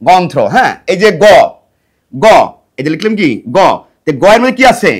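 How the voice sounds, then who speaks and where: A man teaching an exam-prep grammar lesson in a high, very lively voice. He is middle-aged. He poses questions to his students and answers them himself, drilling each word by repeating it emphatically. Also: normal speed.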